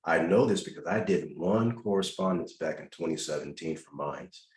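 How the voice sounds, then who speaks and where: Very deep-voiced man advising callers. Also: normal speed, a little mellow, reverberant, a little hiss or hum. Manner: instructive, repeats advice with emphasis. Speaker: host answering caller questions. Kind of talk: advisory call-in Q&A on a video call. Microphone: video call.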